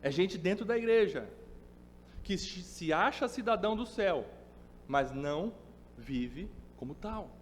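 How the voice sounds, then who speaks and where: A man's voice: high-pitched, animated, a little slow, pauses often, in a large hall, a little hiss or hum. A man with a Brazilian Portuguese accent preaching a sermon in a church, earnest and pleading, pressing his points with urgent emphasis. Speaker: presbyter preaching. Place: church sanctuary.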